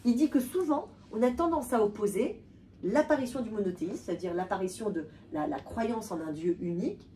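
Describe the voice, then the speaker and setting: Woman lecturer, mellow dark tone, recorded distantly in a hall with faint room noise. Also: medium pitch, a little fast. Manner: animated, emphatic, restarts and repeats words. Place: hall with a live audience.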